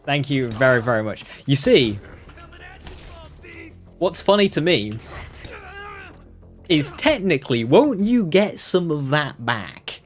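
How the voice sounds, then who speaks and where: A man's voice: fairly high pitch, big pitch swings, slow pace, long pauses, soft background music. A man giving casual, chatty live gameplay commentary, talking straight to his viewers. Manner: chatty, addresses viewers directly. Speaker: game streamer.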